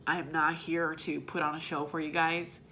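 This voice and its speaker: A young woman with a low-pitched voice talks straight to her viewers in a personal vlog. Her tone is bright and forceful, and she is raw and blunt, swearing freely as she speaks. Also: little pitch movement, moderate pace, a little hiss or hum. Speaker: vlogger.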